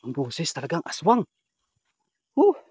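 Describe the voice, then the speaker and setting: A man vlogging a paranormal hunt at night, whispering asides to viewers and calling loudly into the dark. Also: a little high, wildly swooping pitch, a little slow, breathy edge, no room sound. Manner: hushed asides to viewers, loud calls into the dark. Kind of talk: ghost-hunting vlog narration.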